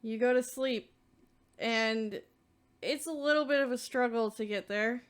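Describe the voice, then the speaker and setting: A young woman runs a tabletop game with a smooth, clear voice that sits a little high. She narrates in a calm, steady storytelling manner, checking in with each player in turn. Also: measured pace. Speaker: dungeon master.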